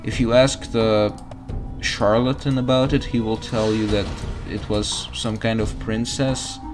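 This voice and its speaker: A man's voice: on the low side, steady tone, a little slow, over music. A man giving casual gaming commentary as a streamer, talking to viewers while he plays. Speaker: game streamer.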